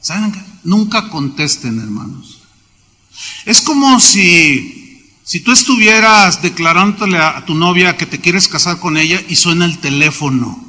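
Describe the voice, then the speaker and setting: A man with a Mexican Spanish accent preaching a sermon as pastor, telling lively stories and acting out the people in them, with sudden shouts. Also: high voice, normal speed. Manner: animated storytelling, voices quoted people, sudden shouts. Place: church sanctuary. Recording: long hall reverb.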